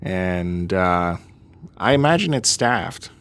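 A man's voice: low-pitched, lively intonation, takes it slowly, a bit bright, smooth. A man co-hosting a podcast in casual chat, teasing his partner and laughing often. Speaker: podcast co-host.

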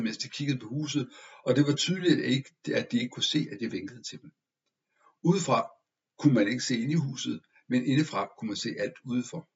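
A man narrates a first-person tale in a measured, expressive manner. His voice sits at an ordinary middle pitch. The recording sounds a little dull and lo-fi. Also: vocal fry. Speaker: audiobook narrator. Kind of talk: scripted story narration.

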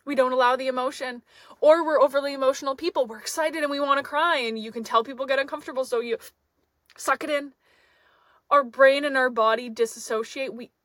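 A woman's voice: on the high side, fairly bright tone, no echo. A young woman vlogger talking candidly and reflectively about her feelings, laughing often as she speaks. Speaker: van life vlogger. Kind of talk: candid personal talk to camera.

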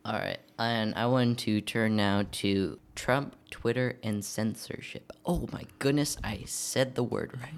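Man, podcast host, gravelly low voice, hesitant, lots of ums, casual chat. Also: a little slow, hardly any pauses. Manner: hesitant, many fillers.

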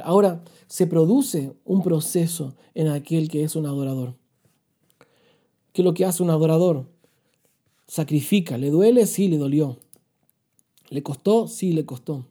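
Earnest, dark-voiced male preacher. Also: on the high side. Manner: earnest, confessional, rhetorical questions. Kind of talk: podcast sermon with listener questions.

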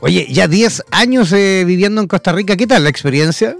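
Host of an online talk show, a man who emcees with enthusiasm and formal introductions. His voice sits high with some gravel, over faint background music. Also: lively intonation, moderate pace, no room sound.

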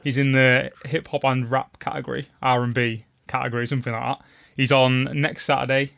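A man hosting a podcast in loud, matey, laddish banter with friends, casual and chatty. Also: mid-range voice, little pitch movement, a little fast, gravelly, dry recording, clean studio sound. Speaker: podcast host.

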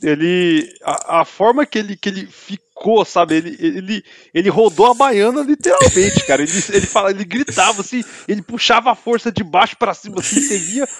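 A man's voice: high voice, big pitch swings, brisk, few pauses, no room sound, studio quality. A man co-hosting a casual podcast who rambles and repeats words while searching for phrasing. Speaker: podcast co-host. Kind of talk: casual chat.

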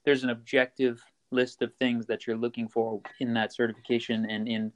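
Man, casual interview guest, explains step by step, fillers and restarts, mid pitch. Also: little pitch movement, moderate pace. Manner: explains steps plainly, frequent fillers and restarts. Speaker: coffee roaster, guest.

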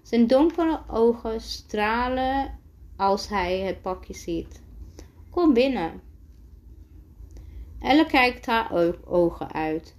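A woman's voice: on the high side, animated, slow pace. A woman reading a children's picture book aloud, carefully, often stopping and restarting words. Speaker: storyteller.

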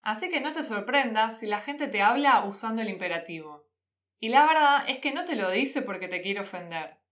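Argentine woman with a high-pitched voice. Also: lively intonation, normal speed, a bit bright. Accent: Rioplatense Argentine. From Argentina, Buenos Aires province. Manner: casual, addresses listener with vos and slang. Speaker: podcast host teaching Spanish. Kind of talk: friendly explanatory podcast talk.

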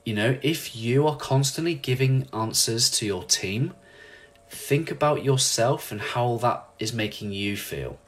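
A man speaking as a leadership coach in an animated, ranting motivational monologue, acting out quotes in lively voices. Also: medium pitch, measured pace, husky.

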